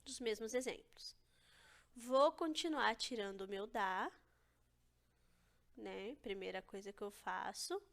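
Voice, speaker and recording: A woman's voice: sits high, fairly bright tone. A young woman teaching an online language lesson, explaining step by step and checking in with her students often. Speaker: Korean teacher.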